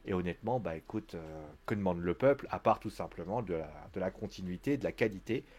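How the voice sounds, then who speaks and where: A man's voice: low-pitched, animated, a little fast, a little mellow. A man giving a casual live-stream recap of a wrestling show, chatty and joking, with theatrical asides to his viewers.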